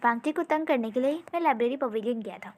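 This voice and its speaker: A woman's voice: a little high, lively intonation, quick pace, a little mellow. A woman voicing a chatty, mischievous young prince who loves breaking rules, talking playfully and eagerly.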